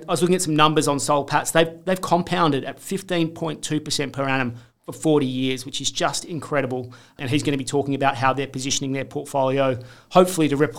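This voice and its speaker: Man, podcast co-host, casual, enthusiastic, middle pitch. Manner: enthusiastic, talks in long runs with restarts. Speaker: co-host presenting an investor event.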